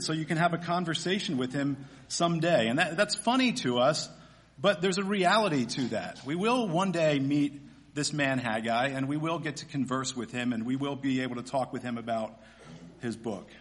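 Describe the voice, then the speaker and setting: A man preaching a sermon at a pulpit microphone, reading scripture and praying in an earnest, measured way. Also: a little high, fairly bright tone.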